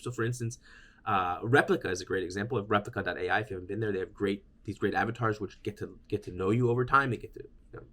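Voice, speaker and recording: A man's voice: lowish voice, a bit bright. A man giving a conference keynote in an informal, meandering way, often restarting his sentences. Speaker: keynote speaker.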